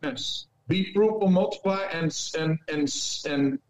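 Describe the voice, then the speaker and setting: A man's voice: sits high, moderate pace, a little mellow, poor audio. A man preaching with passion and emphatic repetition. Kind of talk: impassioned preaching.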